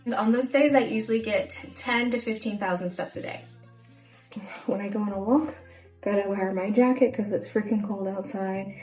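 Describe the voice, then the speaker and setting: A woman's voice: medium pitch, moderate pace, a little mellow, soft background music. A young woman talking casually and upbeat about her daily routine. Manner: chatty, upbeat. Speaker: vlogger. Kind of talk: casual vlog voice-over. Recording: echoey room.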